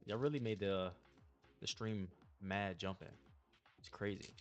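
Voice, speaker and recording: In this casual livestream, a young man talks to his chat in relaxed slang while opening trading cards. He has a lowish, steady voice and speaks a little slowly, and the audio sounds dull, with faint music behind him.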